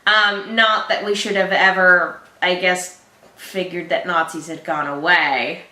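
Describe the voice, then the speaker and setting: A woman's voice: on the low side, fairly even intonation, measured pace, sharp tone, roomy sound. A woman co-hosting a reaction show, chatting casually and laughing often. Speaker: reaction channel co-host. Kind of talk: casual chat.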